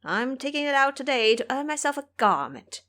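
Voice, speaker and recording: A woman plays an excitable monkey hero in an audio drama, her voice leaping high and swinging widely in pitch. At normal speed, she sounds brash, eager and gleeful, exclaiming like a devoted disciple.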